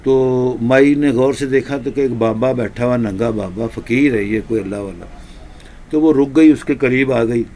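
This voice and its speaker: Male preacher, slow repetitive storyteller, mid pitch. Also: warm tone. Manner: slow, repetitive telling with drawn-out pauses. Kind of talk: storytelling sermon.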